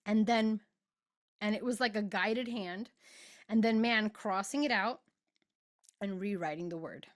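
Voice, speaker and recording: A middle-aged woman with a mid-range voice hosts a podcast as a spiritual guide. Speaking unhurriedly, she delivers an earnest, emotional spiritual monologue and stretches out words for emphasis.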